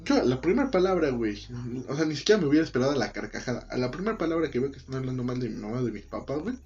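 Casting: young Mexican man, profane storyteller, mid-pitched, light music underneath. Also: racing, muffled recording. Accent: Mexican Spanish. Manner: profane, slangy, animated retelling with acted quotes. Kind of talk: casual chat, storytelling.

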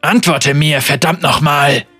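A man's voice: on the high side, fairly even intonation, a little slow, bright, forceful tone, no echo, soft background music. A man playing a tattooed, hot-tempered corsair. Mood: hostile. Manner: angry, then pleading.

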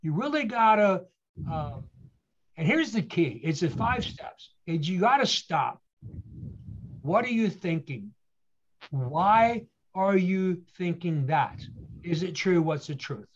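Slow and lively in intonation, a high-voiced male guest speaker shares his story with earnest, motivational emphasis, posing rhetorical questions and repeating key phrases. The audio has its highs cut off.

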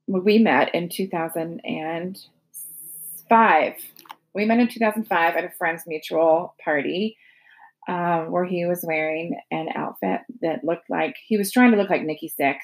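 A middle-aged woman with a slightly low voice introduces a podcast guest. She talks conversationally and haltingly, working out her wording as she goes. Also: poor audio. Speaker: podcast host. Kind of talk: casual spoken introduction of a guest.

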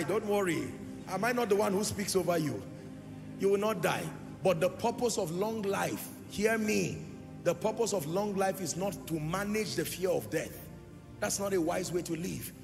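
A pastor delivers a sermon in a large church hall at a moderate pace, his high, gravelly voice full of lively intonation. His phrases swell into a sing-song cadence, jump suddenly louder, and toss questions back to the congregation. Each line trails off in long reverb over clearly audible music.

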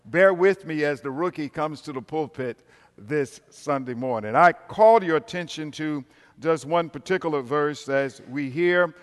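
A man's voice: on the high side, unhurried. An older man with an American accent preaching a sermon as a guest at a Sunday service, addressing the congregation directly in a folksy, emphatic way. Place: large indoor worship space. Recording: reverberant hall sound.

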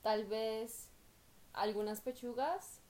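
A young woman, co-hosting a vlog in lively, animated casual chat. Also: on the high side, slow. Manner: lively, animated, finishes her partner's sentences. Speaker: vlog co-host.

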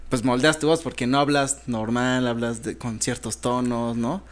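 A man co-hosting a casual chat in relaxed, slangy everyday speech. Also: mid-range voice, moderate pace. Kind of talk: casual conversation.

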